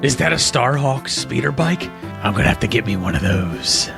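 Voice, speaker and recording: A man voicing a crude, bloodthirsty alien mercenary in a tabletop game, with a gravelly, husky voice. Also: mid-range voice, expressive, moderate pace, over music. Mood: gruff.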